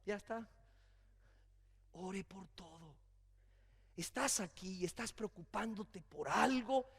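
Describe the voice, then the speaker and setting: Man preaching, very high voice, hushed lows and shouted peaks, long church reverb. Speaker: pastor. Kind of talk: sermon. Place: church sanctuary.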